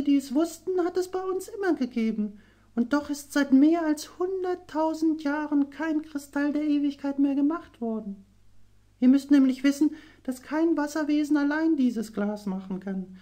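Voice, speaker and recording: A man voicing a tearful, gentle young mermaid princess in an audiobook, speaking softly and slowly. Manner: soft, high storytelling voice with slow, drawn-out phrases. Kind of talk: audiobook character voice.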